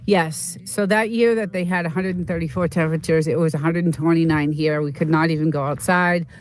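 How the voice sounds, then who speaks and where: A streamer from Boston talks casually to viewers in an easygoing, meandering way, drifting through stories with plenty of "uh" and "you know." The pitch sits in a comfortable middle register. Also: fairly even intonation, brisk. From Boston, United States. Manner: rambling, chatty, storytelling with many fillers. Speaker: livestream host.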